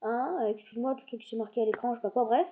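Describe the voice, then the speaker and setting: A woman's voice: on the high side, rapid-fire, slight background noise. A woman giving casual gameplay commentary, rambling and often cutting herself off mid-sentence. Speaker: gaming video host. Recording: tinny phone-like lo-fi recording.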